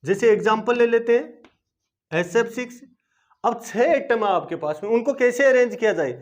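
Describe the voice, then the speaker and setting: Man, very high-pitched, chemistry lesson, repetitive coaxing delivery, muffled recording. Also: lively intonation, normal speed. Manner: asks questions and answers them himself. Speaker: chemistry teacher. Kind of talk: classroom-style video lesson. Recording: dull lo-fi video lesson recording.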